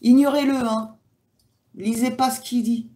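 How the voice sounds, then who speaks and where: A woman's voice: a little high, steady tone, a little slow, mellow. A woman from France, chatting casually with viewers on her livestream, rambling with many fillers. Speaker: livestream host. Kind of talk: casual live chat reading comments.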